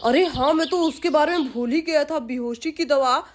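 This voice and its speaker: A woman's voice: sits high, normal speed, natural voice. A woman voicing a greedy male village thief who mutters his plans to himself and gloats.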